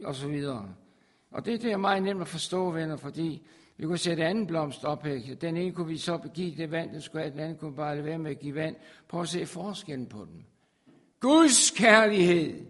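A man preaching a sermon to his congregation. He repeats phrases for emphasis and swings from soft, quiet passages to loud, forceful peaks. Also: fairly high pitch.

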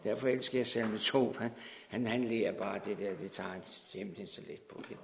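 A man preaching a charismatic revival sermon, dropping to hushed asides and rising to loud, fervent exclamations while checking in with his congregation. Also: lowish voice, gravelly, slight background noise. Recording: long hall reverb.

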